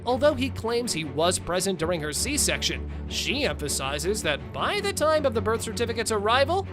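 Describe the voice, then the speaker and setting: Recap narrator, scripted delivery, clear music bed. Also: mid-range voice, very animated, moderate pace.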